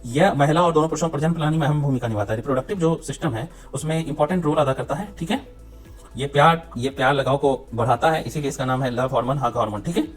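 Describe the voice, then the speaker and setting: Guy teaching biology for exams, quick and a bit high-pitched, keeps repeating stuff and checking everyone's with him, soft music behind. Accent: Hindi mixed with English terms. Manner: repeats points, ends phrases with frequent checks for understanding. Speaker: exam-prep teacher. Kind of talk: explaining biology lesson for exam students.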